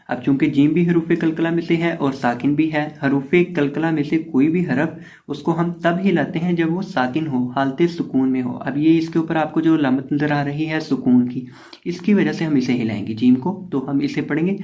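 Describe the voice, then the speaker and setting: A man teaching Quran reading, explaining each rule and then reciting the syllables slowly and drawn out. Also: on the high side. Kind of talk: step-by-step recitation lesson. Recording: slightly muffled lo-fi recording.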